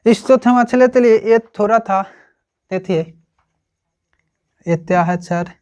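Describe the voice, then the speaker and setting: A teacher giving a grammar lesson, explaining slowly and checking in with the class after almost every phrase. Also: mid-range voice, darkish tone. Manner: slow, repetitive, checks with "ठीक है ना?" often.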